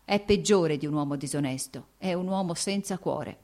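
A woman's voice: deep voice, normal speed, a little mellow. A woman reading the lines of a proud, jealous young noblewoman, impassioned and accusing. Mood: wounded.

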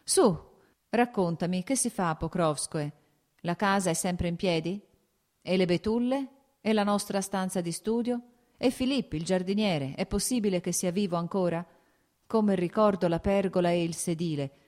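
A woman voicing a drunken, bitter older man who gets excited and jumps from topic to topic, in an audiobook. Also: on the low side, normal speed, pitched above the performer's own voice, natural voice. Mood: eager. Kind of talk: audiobook character voice.

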